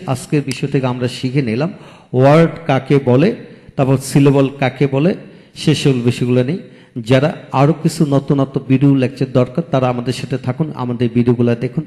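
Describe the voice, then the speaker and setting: Male lecturer, mellow tone, drills vocabulary word by word in a reverberant room. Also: medium pitch. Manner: slow drilling, repeats each word twice. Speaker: English teacher. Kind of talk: video lecture.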